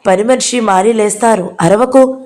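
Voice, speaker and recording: A woman voicing a calm, firm young woman who speaks steadily and pleads in an audio novel. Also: on the high side, moderate pace, lightly acted.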